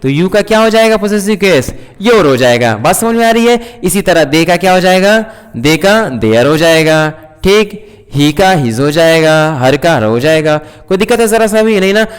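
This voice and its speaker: Guy teaching grammar in a classroom, pretty high voice, keeps asking if u get it, echoey hall. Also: lively intonation, normal speed, smooth. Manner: asks questions and repeats key points. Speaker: English teacher. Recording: long hall reverb.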